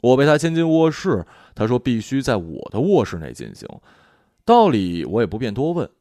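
Calm male storyteller, lively pitch. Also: normal speed, dry recording, studio quality. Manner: calm, reflective, drifting. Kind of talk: first-person story narration.

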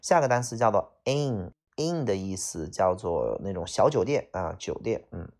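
A man's voice: on the low side, lively intonation, normal speed. A man teaching English vocabulary, explaining each word casually with fillers and heavy speech. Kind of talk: vocabulary lesson.

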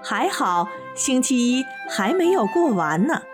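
Woman storyteller for kids, animated and expressive, slightly high voice, over clear background music. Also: unhurried. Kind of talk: children's storybook narration. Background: children's music.

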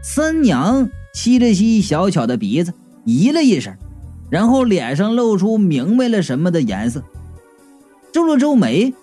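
A reader narrating a comic ghost story as an audiobook, in a lively storytelling tone. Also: medium pitch.

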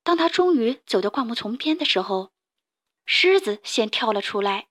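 A woman reading a children's story aloud with lively, expressive narration. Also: fairly high pitch, normal speed.

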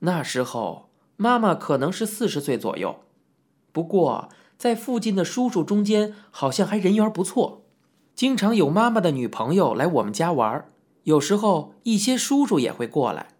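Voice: medium pitch, big pitch swings, moderate pace, a little mellow. An audiobook narrator telling a first-person memoir in a reminiscing storytelling manner, with occasional asides to the listener.

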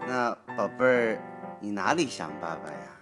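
A man's voice: on the low side, lively intonation, moderate pace, lightly acted. A man playing a doting father who coaxes his small child with fond questions in a scripted radio skit. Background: loud music.

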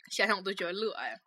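A woman's voice: mid-range voice, bright, forceful tone, slightly rough. A young woman with a Northeastern Mandarin accent, hosting a casual storytelling chat in a blunt, profane way, laughing often as she tells it. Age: young adult. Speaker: podcast host.

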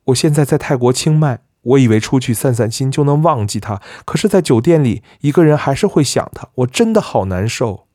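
A man's voice: mid-range voice, lively intonation, a little fast, hardly any pauses, warm tone, dry recording, studio quality, pitched above the performer's own voice, lightly acted. A man voicing a heartbroken young man who is crying on the phone. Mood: distraught.

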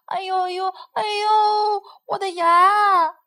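Brief: woman playing a crafty little crow boy, high lively voice, pushy and loud. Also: moderate pace. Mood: whining. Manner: wheedling, whiny, crafty. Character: greedy scheming little male crow.

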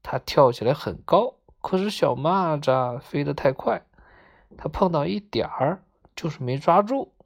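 A woman narrating a children's story in a gentle, measured way. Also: low voice, lively intonation, gravelly.

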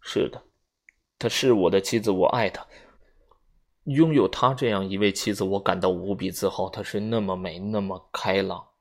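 A man's voice: low voice, fairly even intonation, moderate pace. Man reading as a grave, courteous old general. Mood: grave sorrowful. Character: older male general, calm and resigned. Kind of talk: audiobook reading.

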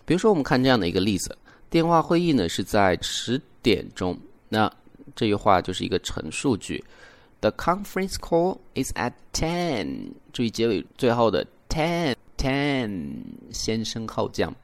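Young male language-podcast host, low voice with very lively pitch, patient explainer who models exaggerated intonation. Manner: explains slowly, demonstrates English intonation with exaggerated rises and falls. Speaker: English teacher and podcast host. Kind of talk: bilingual language lesson.

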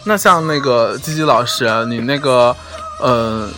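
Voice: mid-range voice, measured pace, over loud music. A playful, teasing host chatting casually and comically, given to exclamations. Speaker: talk show host. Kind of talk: casual comedic chat.

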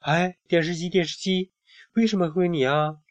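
A man's voice: on the high side, steady tone, moderate pace, no echo, pitched above the performer's own voice, lightly acted. A man voicing a small, timid, curious boy who asks plaintive questions. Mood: wistful.

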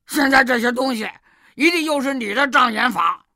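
A woman's voice: deep voice, big pitch swings, unhurried, fairly bright tone, full character voice. A woman voicing a greedy, grumbling male pig monk who mumbles and grunts between words. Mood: sulky.

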